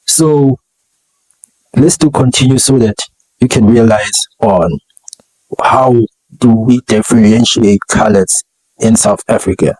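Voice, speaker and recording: Man explaining slowly, husky voice, very dry close sound. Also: mid-range voice, a little mellow, no room sound, rough recording. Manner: slow, deliberate explaining.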